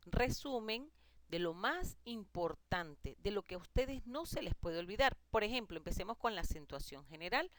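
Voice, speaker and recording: A woman's voice: medium pitch, fairly bright tone, no echo. Female teacher, patient explainer, mid-range voice, dry close recording. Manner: patient, explanatory, lists examples slowly. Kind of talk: recorded online grammar lesson.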